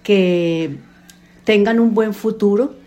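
An older woman, a grandmother answering interview questions hesitantly, with many pauses and fillers. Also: medium pitch, mellow, muffled recording. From Colombia. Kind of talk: casual family interview.

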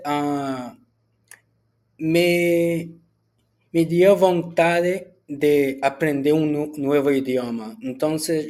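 A Brazilian student whose native language is Portuguese answers set questions in Spanish for a school assignment, his accent clearly Brazilian Portuguese. His fairly high, slightly mellow voice is halting, often restarting words and filling gaps with "ah".

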